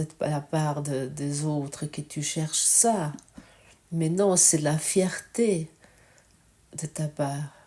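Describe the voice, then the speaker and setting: A woman giving a spiritual teaching talk, reflective and halting, often asking the listener direct questions. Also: low voice, mellow. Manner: searching for words, halting.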